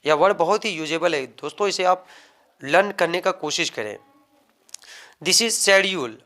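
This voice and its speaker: A man teaching vocabulary, slowly repeating each word and explaining it. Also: sits high, lively intonation, sharp tone. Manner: slow, drawn-out word drills with Hindi explanations. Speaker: English teacher. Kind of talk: vocabulary lesson.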